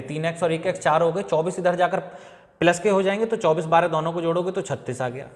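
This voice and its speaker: A man's voice: fairly high pitch, long reverb tail. A man teaching an exam-prep maths lesson, walking through each step and often checking that students follow. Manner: chatty, repeats steps and checks understanding.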